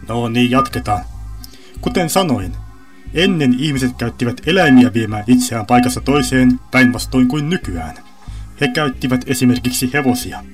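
A man's voice: medium pitch, animated, loud music behind the voice, lightly acted. A man voicing an irritable male history teacher who lectures and scolds his class in a storybook reading. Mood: lecturing.

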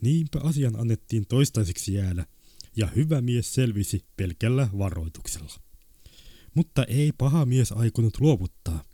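A man's voice: medium pitch, expressive, dark tone, dry recording. A man reading short stories aloud in a terse, clipped, matter-of-fact way. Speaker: story reader.

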